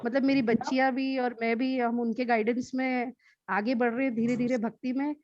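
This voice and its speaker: A woman and mother earnestly describing her trouble in a devotional session, speaking quietly. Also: fairly high pitch, level tone, moderate pace, dull audio. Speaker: participant asking a question, mother.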